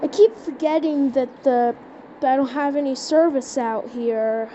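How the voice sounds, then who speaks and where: In a dull lo-fi recording with loud background noise, an amateur creator improvises a skit and mock emergency announcement about a homemade emergency. Her voice sits high, and she speaks haltingly, repeating words as she gropes for the right phrasing.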